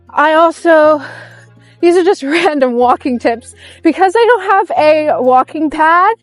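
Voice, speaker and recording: A young woman chatting casually into her camera while out on a walk, upbeat and giggly. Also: high-pitched. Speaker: vlogger. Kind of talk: casual vlog chat while walking. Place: outdoors on a walk.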